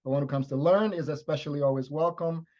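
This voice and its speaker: A man's voice: on the high side, quick pace, a little mellow, muffled recording. A man from Liberia teaching in a lecture style, stressing his points with repeated phrases. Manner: emphatic, repetitive teaching phrases.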